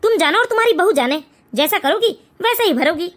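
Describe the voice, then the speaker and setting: A woman voicing a busy adult son who is curt and dismissive of family quarrels in an animated story. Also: very high voice, fairly quick.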